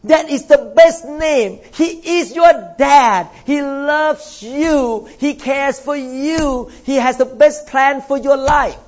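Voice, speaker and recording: An older Thai man serves as a pastor, preaching a church sermon in a very high-pitched, darkish voice. He stretches out key words, drawing out his stresses emphatically, and the recording has its highs cut off.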